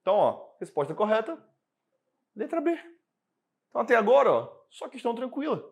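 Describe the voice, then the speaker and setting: A young man with a Brazilian accent teaching an exam prep lesson, lively and chatty, asking his class questions. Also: very high-pitched, brisk. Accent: Brazilian Portuguese.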